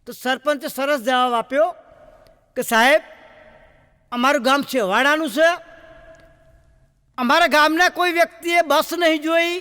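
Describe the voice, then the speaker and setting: A man with a Gujarati accent telling jokes on stage, animated and playing the people in his stories. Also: extremely high pitch, moderate pace, long pauses, in a large hall. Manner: animated storytelling, voicing characters in dialogue. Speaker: stand-up comedian.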